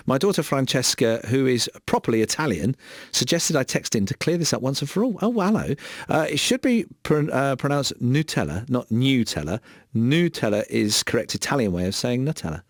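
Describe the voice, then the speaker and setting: A man's voice: medium pitch, sing-song, fairly quick, no room sound, clean studio sound. A man hosting a casual radio chat show, chatty and chuckling as he reads out listener texts. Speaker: radio presenter. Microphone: studio microphone.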